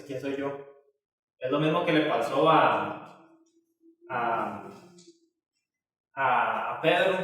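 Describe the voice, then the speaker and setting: A man's voice: medium pitch, fairly bright tone. A man teaching a Bible study lesson in a conversational way, with many filler tags and restarts. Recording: echoey hall from far off.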